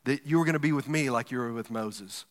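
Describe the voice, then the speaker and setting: A man voicing an earnest male leader speaking quietly to God in a retold story. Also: medium pitch, fast talker, voice pushed down, close to an everyday voice.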